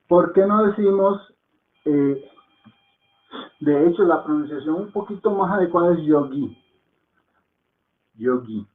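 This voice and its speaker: A Hindi teacher with a slightly high voice gives a slow spoken lesson at a measured pace, pausing often. He patiently repeats words to drill pronunciation, checking in with his students using soft "¿mm?" and "¿ok?". The sound is echoey and lo-fi, like a phone call.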